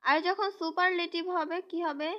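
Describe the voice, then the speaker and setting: High-voiced woman teaching grammar slowly. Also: steady tone, dull audio. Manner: slow, repeats and spells out words. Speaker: English teacher. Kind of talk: explaining grammar to students.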